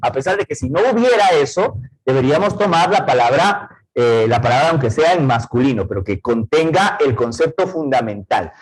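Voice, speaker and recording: A man's voice: medium pitch, lively intonation, normal speed, slightly rough, low-quality recording. A middle-aged man with an Ecuadorian accent teaching a verbal reasoning lesson, explaining words step by step and checking in with rhetorical questions. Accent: Ecuadorian Spanish.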